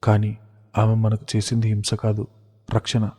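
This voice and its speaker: A man's voice: on the low side, monotone, moderate pace, mellow, big-room sound, close to an everyday voice. A man voicing a grieving young man who speaks earnestly to his sister.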